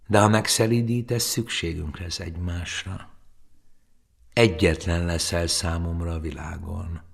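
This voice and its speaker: A man voicing a lonely, wistful, gentle fox in an audiobook reading, musing slowly. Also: deep voice, creaky, breathy edge, full character voice.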